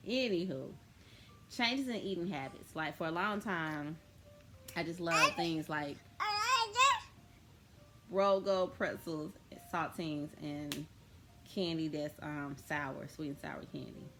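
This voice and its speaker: A woman's voice: low-pitched, slow pace, pauses often, music in the background. A woman vlogging casually about her spiritual experiences, rambling with many fillers and restarts. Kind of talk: casual spiritual vlog talk.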